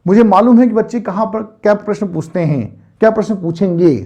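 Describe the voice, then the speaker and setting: High-pitched male teacher, online grammar class, patient and repetitive quizzing. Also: a little fast, mellow. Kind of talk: online Hindi grammar lesson.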